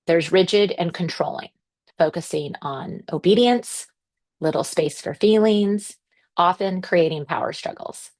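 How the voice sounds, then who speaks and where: A woman giving a workshop presentation to parents, explaining things in a gentle, reassuring, measured way. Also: fairly low pitch.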